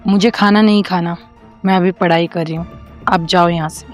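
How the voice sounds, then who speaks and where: A woman's voice: lowish voice, steady tone, moderate pace, faint music behind, close to an everyday voice. A woman playing a study-obsessed teenage girl who repeats herself coldly and insistently in an amateur horror drama. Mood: cold, dismissive. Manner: repetitive, insistent, threatening. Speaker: daughter.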